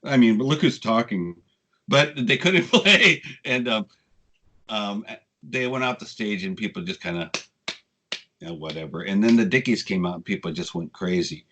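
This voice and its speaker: A man in his sixties, a guest telling casual, rambling stories with frequent swearing, getting animated when he quotes people. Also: fairly low pitch, normal speed. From United States. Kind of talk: casual storytelling interview.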